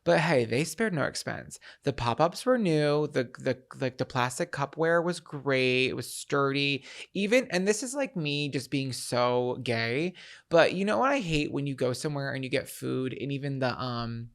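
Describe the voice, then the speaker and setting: A young man co-hosting a podcast, talking in a chatty, animated storytelling way, recorded on a close boom-arm microphone in a small indoor studio room. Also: normal speed, creaky. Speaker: podcast co-host. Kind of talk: casual chat.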